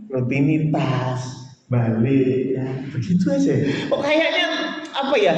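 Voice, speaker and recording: A man with a Javanese accent preaches in a loose, conversational way, teasing and constantly checking for agreement. His voice sits high and swings widely in pitch. The sound rings in a long church-hall reverb with faint background hiss. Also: a little mellow. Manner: chatty, teasing, keeps asking agreement. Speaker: pastor. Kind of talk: conversational sermon.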